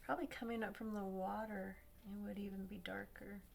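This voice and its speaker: A woman's voice: mid-range voice, little pitch movement, brisk, vocal fry, slight background noise. A woman hosting a craft tutorial, talking casually as she colors and thinking aloud, sometimes dropping to a near-whisper. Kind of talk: casual demo narration while coloring.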